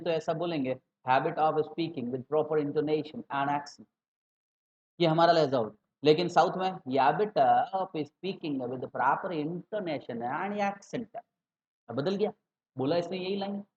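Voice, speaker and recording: Teacher with a lilt. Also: male voice, on the high side, a little mellow. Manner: mixes English and Hindi, slows for key terms; rhetorical questions to students. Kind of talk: exam-prep lecture. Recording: dull lo-fi sound.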